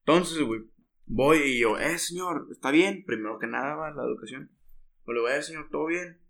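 A man's voice: mid-range voice, normal speed, gravelly, a bit bright. A man with a northern Mexican accent from Monterrey, co-hosting a podcast and telling a story in casual chat, with heavy crude slang and frequent restarts. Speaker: podcast co-host.

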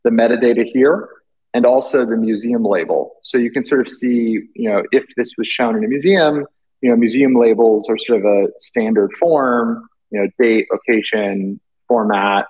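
A man's voice: medium pitch, normal speed, a little mellow, breathy edge, low-quality recording. A British man, an artist guest, talking casually and hesitantly with many fillers and restarts. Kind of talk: casual interview chat.

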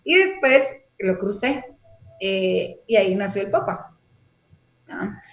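A woman's voice: medium pitch, slow pace. A woman, chatting casually and acting out little scenes as she talks. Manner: chatty, animated, acts out scenes. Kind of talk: casual chat about her dog. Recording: echoey room.

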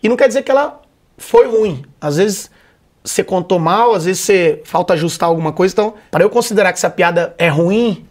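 A laid-back stand-up comedian from Vitória, Brazil, chats as a guest on a relaxed podcast. His notably high voice runs a little fast, and his talk is loose, slangy and full of swearing.

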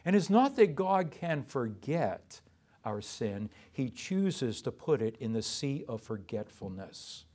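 A man's voice: medium pitch, sing-song, takes it slowly, mellow. A male pastor delivering a sermon in an emphatic way, putting rhetorical questions to his listeners.

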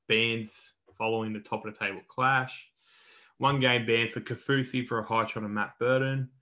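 Bright, forceful Australian man talking sport. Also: mid-range voice. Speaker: podcast co-host. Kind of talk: casual sports news rundown.

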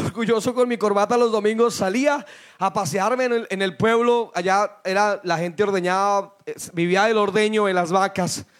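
Very high-voiced preacher man. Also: a bit bright. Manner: fervent preaching with rhetorical questions. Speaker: pastor. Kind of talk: sermon.

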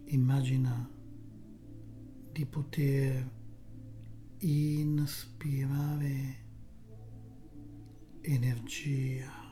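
A soft, breathy, half-whispering voice guiding a relaxation meditation soothingly, in short phrases with long pauses. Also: mid-range voice, level tone, faint music behind. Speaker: guided meditation narrator.

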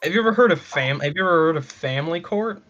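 A man's voice: fairly high pitch, animated, fast, fairly bright tone, dull audio, a little hiss or hum. A young man in casual chat with friends, rambling and often restarting his sentences.

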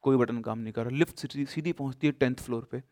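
A man casually telling a horror story, with emphatic bursts and sudden hushed drops. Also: medium pitch, quick pace, no room sound, clean studio sound.

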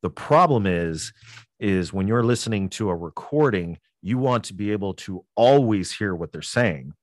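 A man speaking as a podcast guest in a casual interview, relaxed and rambling with many fillers. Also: lowish voice, moderate pace, no room sound, clean studio sound.

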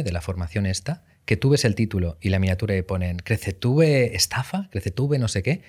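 A man talking as a guest on a casual podcast. He tells stories with lots of animation and acts out the voices of people he quotes, in a slightly low voice. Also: darkish tone. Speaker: guest youtuber.

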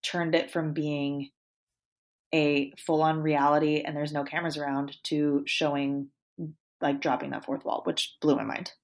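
A woman with a low voice and measured pace co-hosts a podcast, chatting casually about a reality show. She's animated and acts out quotes from the show.

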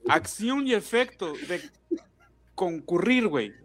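A man's voice: sits high, animated, takes it slowly, a crowd in the background. Playful Mexican man, mock-lecturing. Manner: mock-pompous, playful, swears. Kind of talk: casual banter on a livestream.

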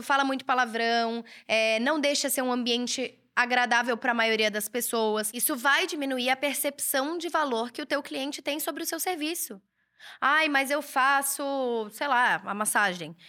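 A woman hosts a chatty solo talk on business advice. Her voice sits somewhat high and sounds strikingly bright and forceful. She talks casually from an indoor room set up for recording. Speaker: host and writer. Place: indoor room with a curtain backdrop, books and a computer.

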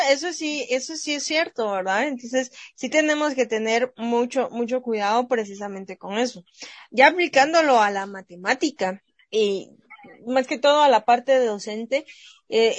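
A woman math teacher talks through her ideas in a relaxed discussion, pausing and checking in with listeners. Her voice sits fairly high. The sound is dry and close to the mic. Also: no echo. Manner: thoughtful, hesitant, asks for agreement with "¿verdad?". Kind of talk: casual panel discussion.

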